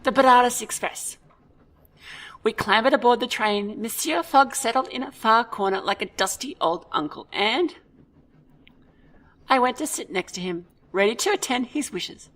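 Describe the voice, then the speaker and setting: A woman's voice: fairly high pitch, lively intonation, moderate pace, a bit bright. A woman hosting a let's play, reading game text aloud with dry, amused side comments.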